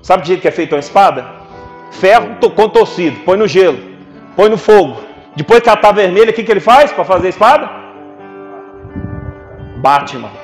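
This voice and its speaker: A man's voice: sits high, lively intonation, a little fast, long pauses, faint music behind. A man preaching a sermon, telling stories with humor and calling on the congregation to respond. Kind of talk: sermon with storytelling. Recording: echoey church hall.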